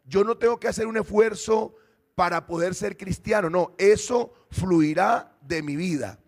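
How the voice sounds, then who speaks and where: A man's voice: high-pitched, unhurried, gravelly. A man pastor preaching a sermon, teaching and putting questions to his congregation.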